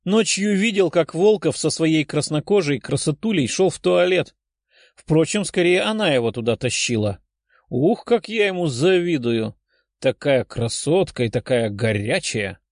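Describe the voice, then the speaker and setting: A man's voice: fairly high pitch, lively intonation, measured pace, no room sound, clean studio sound. A man doing a sly, gleeful teasing girl. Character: sly, mischievous teasing young woman.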